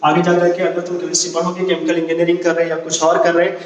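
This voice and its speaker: A man's voice: a little high, monotone, rapid-fire, lo-fi sound. A male chemistry teacher giving a classroom lecture, explaining with questions and repetition and mixing Hindi with English terms. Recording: echoey room, voice from far off.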